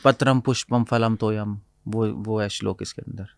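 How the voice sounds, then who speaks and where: A man's voice: fairly low pitch, fairly even intonation, moderate pace, vocal fry, no room sound, studio quality. A man who is a spiritual teacher, explaining scripture in casual conversation, switching between Hindi and English and quoting Sanskrit verses. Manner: mixes Hindi and English, quotes Sanskrit verses, laughs often.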